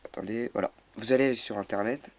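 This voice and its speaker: A man's voice: on the low side, fairly even intonation, fast talker. A young man walking through a casual tutorial, hesitant, with many fillers and self-corrections. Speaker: tutorial maker. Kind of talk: casual screen-recorded tutorial. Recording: dull lo-fi mic with faint noise.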